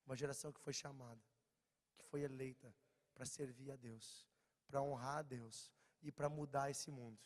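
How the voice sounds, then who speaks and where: A Brazilian man with a slight cold, preaching a lively storytelling sermon to young people, swinging from loud bursts to quiet low lines. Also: normal speed. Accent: Brazilian Portuguese. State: slightly hoarse, has a cold. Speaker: preacher at a youth meeting. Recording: long church-hall reverb.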